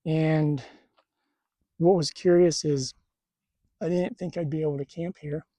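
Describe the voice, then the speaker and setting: A man talking casually to camera at a desert campsite, halting and stuttering, with a tight, strained throat. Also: on the high side, steady tone, warm tone, dry recording. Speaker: spiritual vlogger.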